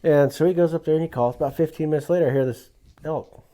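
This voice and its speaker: A man's voice: fairly high pitch, quick pace, warm tone. A man telling a hunting story in casual podcast chat, acting out the lines he quotes. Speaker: guest telling hunting stories.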